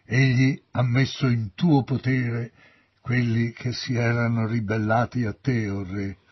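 Man doing an eager young messenger, husky. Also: level tone, a little slow, dry recording, muffled recording. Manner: eager, raised pitch.

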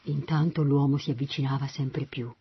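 A narrator reading a Bible story aloud in a steady storytelling manner. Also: medium pitch, moderate pace, slightly rough, muffled recording.

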